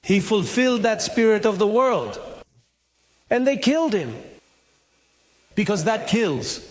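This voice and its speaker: A man's voice: sits high, lively intonation, unhurried. A man preaching a sermon at a church conference, emphatic and full of rhetorical questions.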